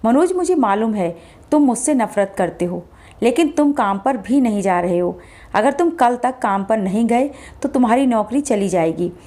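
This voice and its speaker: A woman's voice: on the high side, expressive, normal speed, mellow, close to an everyday voice. A woman voicing a frightened, devoted young wife who pleads anxiously. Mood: pleading.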